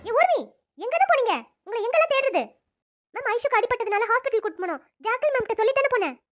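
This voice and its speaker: A nurse, fussing camp teachers and schoolgirls in a cartoon drama. The voice is very high and quick, with a flustered edge.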